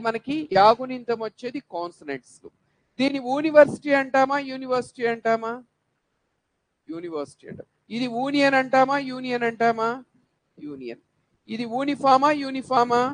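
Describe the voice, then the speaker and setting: High-voiced man teaching a lesson. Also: lively intonation, moderate pace, long pauses, rough recording. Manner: poses rhetorical questions then answers them; drills words by repeating sounds. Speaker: English teacher. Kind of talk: classroom-style grammar lesson.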